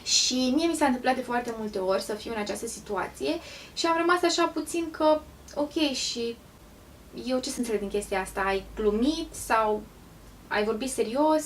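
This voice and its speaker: A woman from Romania telling stories in a casual vlog, chatty and pausing often with ums. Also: a little high, recorded from a distance, slight background noise. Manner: chatty, pauses with frequent ums. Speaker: vlogger.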